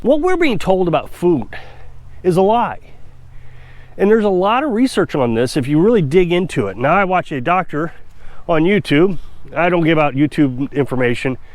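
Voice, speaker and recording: A slightly high, darkish-toned voice, animated and moderately paced, belongs to a Missouri off-grid homestead vlogger who's stuffed up with a cold. On a dry recording, he chats casually and rambles through his opinions with self-assurance.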